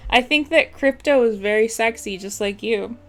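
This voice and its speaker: A woman improvising a sleazy, smooth-talking alley cat pushing a shady deal. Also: moderate pace, close to an everyday voice. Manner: sly, sleazy pitch. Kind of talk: improv comedy scene.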